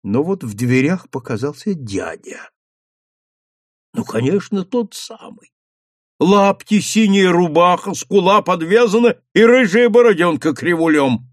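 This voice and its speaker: Мужчина читает рассказ вслух как выразительную аудиокнигу. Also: male voice, high-pitched, unhurried, no room sound, studio quality. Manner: dramatic, animated storytelling. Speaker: narrator. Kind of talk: expressive audiobook reading.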